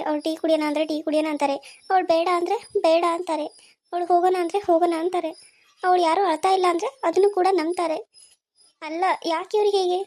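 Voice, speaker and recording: A woman's voice: very high voice, a little mellow. A woman voicing a hurt, suspicious young wife who complains plaintively in a cartoon serial.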